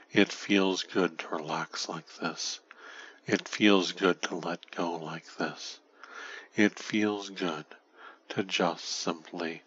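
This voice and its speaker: A man guiding a hypnosis induction in a slow, soothing, repetitive way that drifts into breathy, whispery phrases. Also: deep voice, pushed and bright, lo-fi sound.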